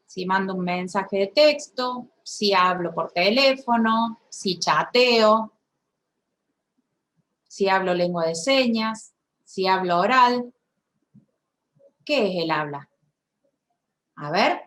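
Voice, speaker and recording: A woman who gives voice to a signed lecture in first person. She talks haltingly, with restarts and frequent checks for agreement. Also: medium pitch, animated, a bit bright. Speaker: sign language voice interpreter.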